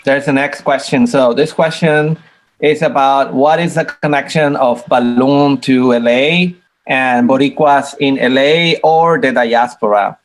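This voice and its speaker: A man from Puerto Rico, a band member, talking in a relaxed, conversational way during a Q&A. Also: medium pitch, a little slow, a little hiss or hum, poor audio. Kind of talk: casual Q&A answer.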